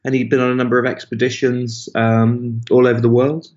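A man, an author speaking as a podcast guest, in a measured, hesitant way with fillers. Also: medium pitch, level tone, darkish tone, highs cut off. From Wales. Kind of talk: podcast interview.

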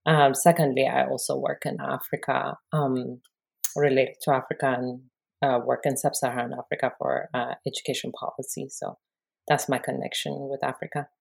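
Low-voiced woman from Ethiopia. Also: little pitch movement, normal speed, gravelly. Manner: careful, hesitant with fillers. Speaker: guest.

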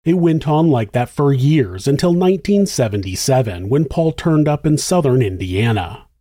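A man narrating a true crime show as its host, in a suspenseful, measured and grave scripted storytelling style. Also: mid-range voice, lively intonation, warm tone, no echo, clean studio sound.

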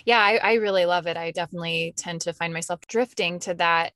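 A woman's voice: lowish voice, fairly even intonation, fairly quick, a bit bright, no echo, studio quality. A woman hosting a podcast interview, chatty and enthusiastic with her guest. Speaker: podcast host.

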